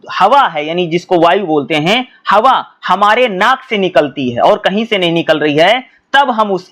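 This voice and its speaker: A man's voice: sits high, fairly bright tone. A male teacher explaining exam topics who asks questions and answers them himself and often repeats his points. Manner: often repeats himself and addresses students as bhai.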